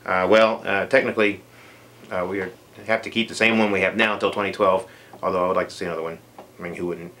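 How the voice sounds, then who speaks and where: A man's voice: sits low, little pitch movement, fast, fairly bright tone, a little hiss or hum. A man vlogging answers to viewer questions in a casual chat, rambling with many fillers and dry jokes.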